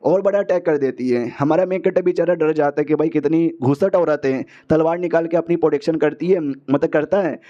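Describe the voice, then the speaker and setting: Male recap narrator, slangy casual retelling, slightly high voice, mellow tone. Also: fairly quick, hardly any pauses, muffled recording.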